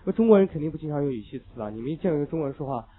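Male English teacher, fast and emphatic, slightly high voice, lo-fi phone-like recording. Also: lively intonation, breathy edge. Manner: emphatic, repeats key points, joking asides. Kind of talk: classroom lecture.

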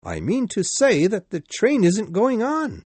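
A man voicing an agitated French manservant who cries out excitedly in a raised voice. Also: high voice, unhurried, breathy edge, no room sound, voice pushed up, full character voice. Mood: alarmed. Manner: excited crying out.

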